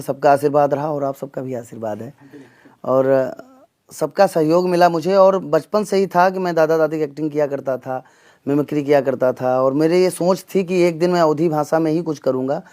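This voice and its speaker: A man from the Gonda region, a comedian answering interview questions earnestly, with pauses and fillers. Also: a little high, a little mellow. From Gonda region, northern India. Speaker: comedian and mimic, interview guest.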